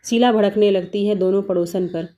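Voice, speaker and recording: A woman narrating a cartoon story in a plain, easy storytelling manner. Her voice is mellow and dark-toned, at a middle pitch. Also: steady tone, brisk.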